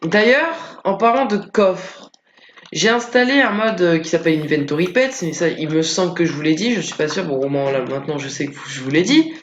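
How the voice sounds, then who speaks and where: A man's voice: brisk, fairly bright tone, echoey room, dull audio, a little hiss or hum. A young man giving rambling, filler-heavy commentary while playing a modded game. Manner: rambling, filler-heavy, panics into high yelps. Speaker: gameplay commentator. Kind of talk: Minecraft let's play commentary.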